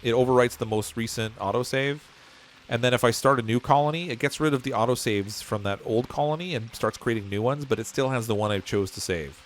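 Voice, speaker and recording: A man speaking a little fast in a mid-range voice streams a game, thinking out loud in a loose, rambling way and chuckling often. His voice is tiring out, and a little hiss or hum runs through the audio.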